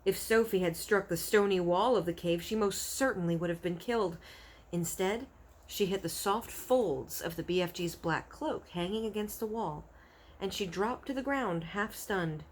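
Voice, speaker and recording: Reading a children's book aloud, a woman tells the story expressively in a mid-range voice at a moderate pace.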